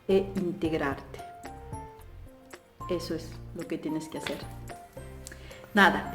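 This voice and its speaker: A young woman from Peru with a Peruvian Spanish accent gives chatty advice in a low voice, restarting her sentences and filling pauses. Her voice echoes around a bare room, and faint music plays behind her. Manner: chatty, many fillers and restarts, laughs often. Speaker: vlogger. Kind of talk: casual advice vlog.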